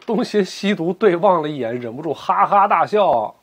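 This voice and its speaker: A man narrating a martial-arts story in a lively, colloquial, joking way. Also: a little high, moderate pace, husky.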